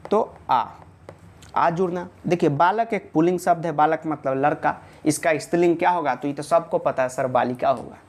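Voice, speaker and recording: A man teaching a casual online video lesson. He asks questions and answers them himself, joking with students and reassuring them. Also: a little high.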